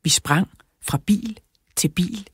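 Breathy woman reading a children's story. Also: fairly low pitch, no room sound. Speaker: audiobook reader. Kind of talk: children's audiobook narration.

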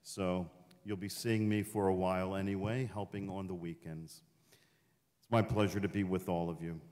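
Male priest, middle-aged, lowish voice, informal homily delivery, long church reverb. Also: little pitch movement, normal speed, darkish tone. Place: large church interior. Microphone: gooseneck lectern microphone.

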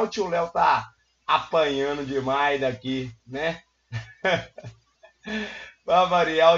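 A hoarse man hosting a live stream, chatting casually, greeting viewers over and over and muttering while he fiddles with settings. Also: medium pitch, a little hiss or hum. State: hoarse, losing his voice. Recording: lo-fi stream audio.

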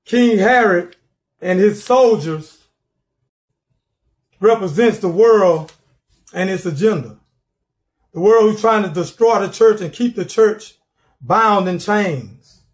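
A man's voice: high-pitched, takes it slowly, long pauses. A middle-aged man preaching a sermon from his living room, fervent and repeating words as he builds, calling for responses.

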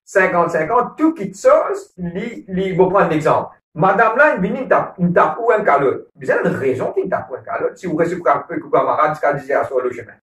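A man's voice: on the high side, animated, fast talker, few pauses, fairly bright tone, far from the mic. A man with a Mauritian Creole accent, talking earnestly about marriage at a church gathering, repeating his points and often checking in with "ok?". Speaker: married churchgoer speaking on a couples program. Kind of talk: casual church talk on marriage. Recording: roomy echo, voice from away from the mic.

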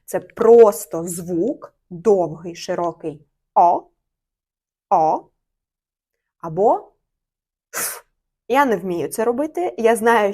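A young woman, a Swedish teacher, runs a friendly online lesson at a medium pitch. She speaks clearly and repeats each phrase slowly so that learners can follow. Her delivery is steady and instructive.

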